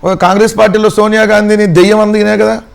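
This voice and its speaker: Fast, high-pitched mocking panelist man. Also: little pitch movement, creaky, clean tone. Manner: mocking, rapid rhetorical questions. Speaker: political panelist. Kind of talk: heated TV panel debate.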